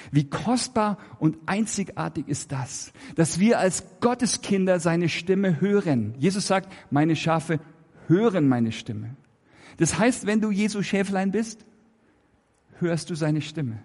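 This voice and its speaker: A man preaching a sermon, emphatic and full of rhetorical questions, swinging between raised and hushed delivery. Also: on the high side, expressive, unhurried, long reverb tail.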